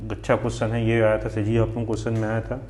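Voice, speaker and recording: A Hindi teacher from Chhattisgarh with a regional accent drills exam spellings, asking questions and answering them himself. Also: male voice, fairly low pitch, completely flat delivery, fast, a little mellow, reverberant, slight background noise. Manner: repetitive drilling, asks then answers himself. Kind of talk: spelling lesson for exam students.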